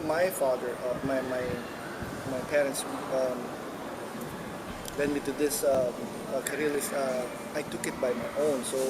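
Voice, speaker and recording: A male music teacher answering interview questions hesitantly, with many fillers and restarts. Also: medium pitch. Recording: loud background noise, air conditioning.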